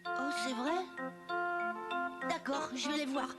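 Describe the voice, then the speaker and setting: A woman playing a mischievous wooden puppet boy with a bright, high childlike voice and an eager, pleading way of talking. Music plays clearly behind him in this storybook recording. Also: steady tone, takes it slowly. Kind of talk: children's audio story acting.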